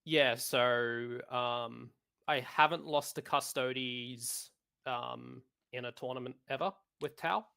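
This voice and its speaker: An Australian man joins a gaming podcast as a guest, speaking over a call with a gravelly, creaky edge. His voice is bright and sharp, and he weighs his points in a measured, hedging way. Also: mid-range voice, fairly even intonation. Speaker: podcast guest, tournament player. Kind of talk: casual gaming podcast chat.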